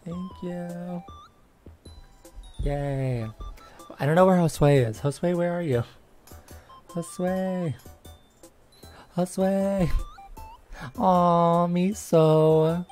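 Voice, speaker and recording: A woman's voice: on the low side, steady tone, very slow, long pauses, warm tone, soft background music. A woman in her twenties chatting casually on a livestream while playing a game, bubbly and giggly with lots of little cheers. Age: 20s. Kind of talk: casual gameplay chat.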